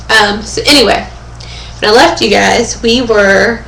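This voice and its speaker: Her voice a little high, fairly bright, hoarse, and fading, a young woman vlogs slowly and casually into a webcam microphone at home. She keeps pausing, using fillers, and clearing her throat as she chats. Echo fills the room, with a faint hum of ambience in the background.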